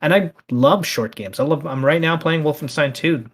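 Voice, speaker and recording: A man in his thirties hosting a casual gaming podcast, talking in an animated, ranting way. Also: on the high side, normal speed, husky. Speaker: podcast host.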